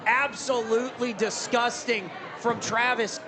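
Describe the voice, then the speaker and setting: A man commentating on wrestling in an excitable, exclamatory way. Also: very high voice, unhurried. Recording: very noisy, loud crowd. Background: loud crowd.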